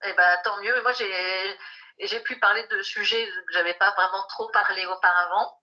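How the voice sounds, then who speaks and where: A woman guest author heard through a phone on speaker held away from the mic, talking haltingly and repeating words as she restarts. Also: medium pitch, fairly even intonation, pushed and bright. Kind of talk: casual closing remarks. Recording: dull lo-fi phone line.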